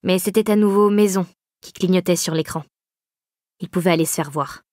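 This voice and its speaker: A woman reading a novel aloud in a measured, even storytelling manner. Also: fairly low pitch, dry recording, studio quality. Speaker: audiobook narrator. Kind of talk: scripted narration.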